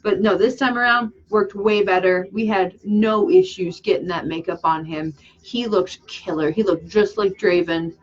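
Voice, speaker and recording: Excitable rambling woman, lo-fi. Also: medium pitch, moderate pace, few pauses. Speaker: channel host and makeup artist. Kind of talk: casual livestream chat. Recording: dull lo-fi sound.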